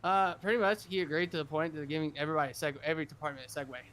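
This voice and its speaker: A man's voice: fairly high pitch, fairly even intonation, rapid-fire, fairly bright tone, a little hiss or hum. A man playing a governor in a casual roleplay chat, rambling and repeating himself as he talks over others.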